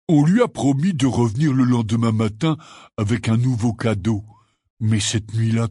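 A gruff, kindly half-giant gamekeeper, read by a man spins a rambling, earnest tale in an audiobook. The voice sits low and husky, with a dark, mellow color. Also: no room sound, clean studio sound. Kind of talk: audiobook character reading.

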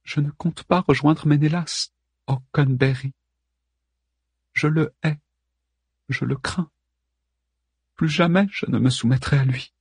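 A man voicing a cold, scheming woman who speaks softly and sweetly with quiet menace, read aloud in an audiobook. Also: on the high side, slow, long pauses, husky, dry recording, voice pushed up, full character voice. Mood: resentful. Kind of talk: audiobook character reading.

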